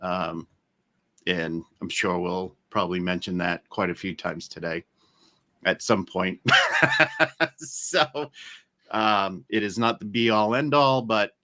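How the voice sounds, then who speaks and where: Deep bright-voiced man explaining. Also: steady tone, takes it slowly. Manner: explaining, hesitant with fillers. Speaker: guest, accessibility expert. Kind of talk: casual chat on a live stream.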